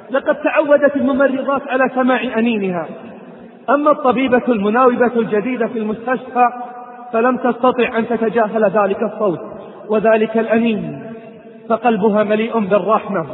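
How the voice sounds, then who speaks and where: Dramatic male preacher narrating a moral tale; high pitch, echoey and lo-fi. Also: slight background noise. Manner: dramatic, addresses listeners directly. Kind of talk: moralizing sermon storytelling. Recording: echoey hall over a tinny phone-like line.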